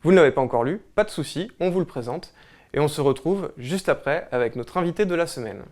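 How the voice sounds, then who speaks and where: A man's voice: a little high, expressive, darkish tone. A man hosting a local weekly newspaper show, presenting the issue and then interviewing a guest with hesitant questions. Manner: brisk read-through, then hesitant questions. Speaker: host.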